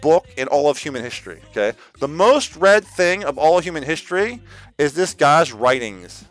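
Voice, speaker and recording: Rambling animated male streamer preaching. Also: on the high side, moderate pace, faint music behind. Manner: rambling, full of "like" and repeated restarts; slangy, addresses listeners as "man". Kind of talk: casual off-the-cuff preaching.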